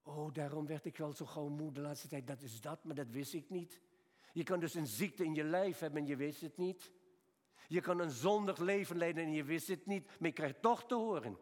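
A man in his seventies preaching a sermon, telling personal stories and moving between quiet, slow passages and raised, emphatic appeals. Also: on the high side. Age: 70s. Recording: long hall reverb.

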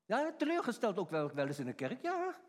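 With a high pitch, huge pitch swings and a brisk pace, this middle-aged preacher delivers his sermon in an emphatic, folksy manner. He acts out quotes by shouting them, and a long hall reverb surrounds the recording.

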